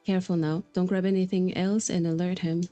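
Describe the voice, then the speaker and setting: Over game music, a woman livestreaming a video game chats casually and reads dialogue aloud, musing and hesitant. Her voice is low, flat, brisk, and mellow, with a lo-fi sound.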